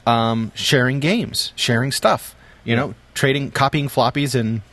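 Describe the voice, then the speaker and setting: A man's voice: medium pitch, measured pace, a bit bright, dry recording. A middle-aged man co-hosting a podcast, reminiscing in casual chat with jokes and lots of fillers. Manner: storytelling, joking, many fillers.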